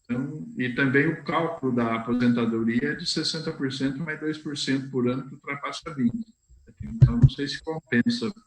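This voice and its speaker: A man's voice: mid-range voice, noisy background. A man working as a lawyer, explaining rules on a live stream and checking in with tag questions. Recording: roomy echo.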